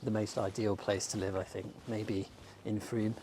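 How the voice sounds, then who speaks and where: This casual walking-tour vlog features an English bookshop owner and vlogger filming himself with a handheld camera up a sunny shopping street. His voice sits on the low side with little pitch movement and a moderate pace, a little hoarse, and he's chatty and keen with frequent ums. Background noise and faint outdoor street ambience are audible.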